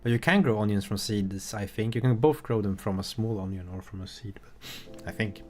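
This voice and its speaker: A man, a game developer, giving relaxed, halting commentary on his own game with an amused tone. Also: lowish voice, soft background music.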